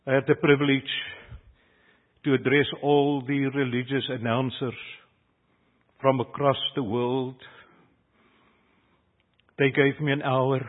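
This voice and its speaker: Over phone-quality audio, an older South African pastor speaks in a mid-range voice, his English carrying the accent of a native Afrikaans speaker. His sermon is earnest and emphatic, climbing in pitch on key phrases.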